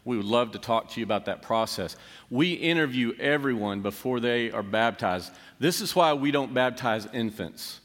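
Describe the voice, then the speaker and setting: A man delivers a sermon at an ordinary middle pitch, as a pastor. He stumbles into restarts and slows deliberately on quoted words. His voice rings with the long reverb of a church sanctuary. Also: expressive, a bit bright. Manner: restarts and self-corrections.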